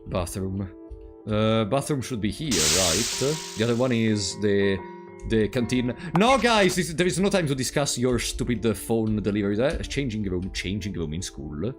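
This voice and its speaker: A man's voice: on the low side, lively intonation, normal speed, over music. A man playing a video game with casual running commentary, exclaiming, swearing and talking back to the characters. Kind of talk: casual let's play commentary.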